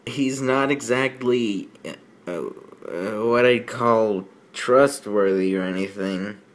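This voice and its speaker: A man with a fairly low voice hosts a fan fiction reading, tossing off mocking commentary as he goes. He sounds exasperated and incredulous, halting and stammering through repeated words.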